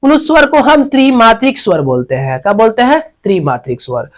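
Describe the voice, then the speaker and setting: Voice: medium pitch, big pitch swings, fairly quick, rough recording. A teacher gives an exam-focused grammar lesson beside a teaching board, asking questions and answering them while repeating key terms.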